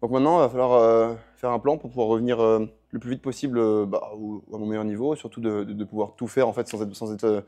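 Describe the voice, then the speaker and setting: A man's voice: fairly low pitch, little pitch movement, fast, few pauses, warm tone. A young man chatting casually in a rambling gym vlog, worn out after a long training session. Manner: chatty, rambling, self-correcting. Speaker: powerlifting vlogger.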